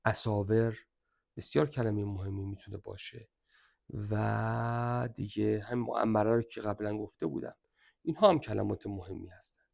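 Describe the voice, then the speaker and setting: Male teacher, Iranian Persian accent, gravelly voice, emphatic exam review lesson. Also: lowish voice, darkish tone. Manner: emphatic, repeats "very important" often.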